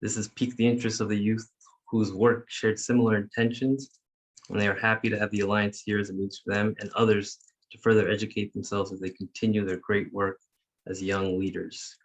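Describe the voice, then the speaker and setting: Brief: male meeting host on a video call, very low voice, steady and formal. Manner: measured, formal, reads prepared remarks. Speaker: youth council facilitator. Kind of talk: leading an online meeting.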